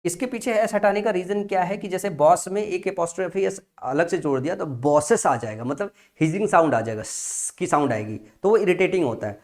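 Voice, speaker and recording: A man's voice: high voice, fairly quick, few pauses, darkish tone. A man teaching English grammar in a classroom-style lesson, repeating key points and asking and answering his own questions.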